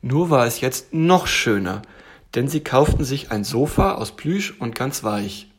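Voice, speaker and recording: A man reads a bedtime story aloud with a gentle storytelling manner. His voice sits at a middle pitch and has a husky grain. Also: animated, measured pace. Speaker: story reader.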